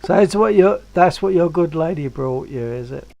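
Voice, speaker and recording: A man's voice: on the high side, lively intonation, moderate pace, vocal fry, darkish tone, poor audio. A man chatting casually on a livestream, wordy and self-deprecating. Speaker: stream guest.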